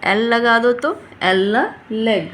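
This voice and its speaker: A woman's voice: fairly high pitch, fairly even intonation, slow, a bit bright, faint music behind. A woman teaching a phonics lesson, patiently sounding out each letter. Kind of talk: phonics lesson for parents and children.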